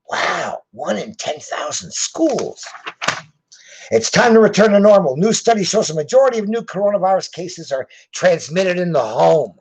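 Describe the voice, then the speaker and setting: Male commentator, husky, sarcastic, reads headlines with lively swings. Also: high-pitched, poor audio. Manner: sarcastic, incredulous asides.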